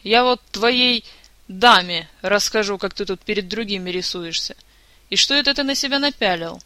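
A narrator voicing an injured, foul-mouthed man who rants and swears in a slightly hoarse voice, in an audiobook. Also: high voice, normal speed, no room sound. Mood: grumbling. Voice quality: slightly hoarse, shouting curses. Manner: ranting, insulting, swearing. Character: furious wounded man, foul-mouthed and grumpy.

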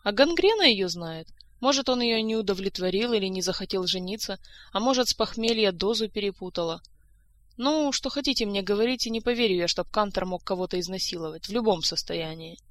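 A woman voicing a tired, sharp-tongued female doctor who grumbles and complains. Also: medium pitch, animated, fairly quick, lightly acted. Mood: grumbling. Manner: grumbling, exasperated.

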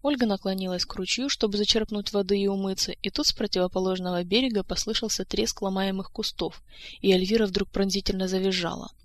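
A woman narrating an audiobook in a steady, even storytelling manner. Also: medium pitch, quick pace, no room sound. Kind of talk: scripted narration. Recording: dry close-mic studio sound.

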